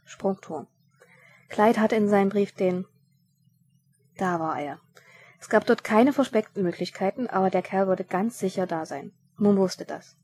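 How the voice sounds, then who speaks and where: A woman's voice: medium pitch, unhurried, pauses often, darkish tone, slight background noise. A woman reading a story aloud and changing her voice for the characters. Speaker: narrator.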